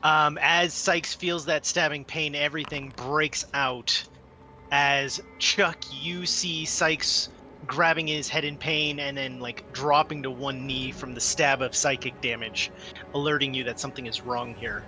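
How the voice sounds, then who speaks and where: A man's voice: medium pitch, steady tone, measured pace, sharp tone. A man acting as game master, casually narrating a tabletop game and explaining it to players.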